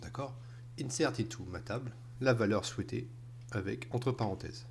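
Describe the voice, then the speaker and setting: A man with a fairly low voice walks viewers through a screen-recorded tutorial, step by step. He often pauses to check that they follow. A faint hiss of noise sits under the recording. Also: creaky. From France. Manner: explanatory, checks in with "d'accord?". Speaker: instructor.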